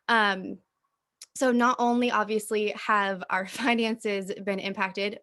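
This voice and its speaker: A woman giving an upbeat, chatty recruiting pitch as a network marketing presenter, smiling as she talks. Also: fairly bright tone. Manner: upbeat, smiling while talking; chatty, uses filler "like" and "um".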